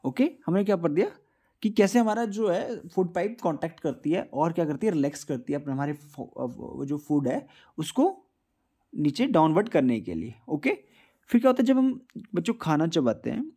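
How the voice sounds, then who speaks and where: A man's voice: on the high side, sing-song, normal speed, warm tone, husky. A man teaching a school science lesson to children, repeatedly asking questions and answering them himself, mixing in English terms. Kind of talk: classroom-style video lesson.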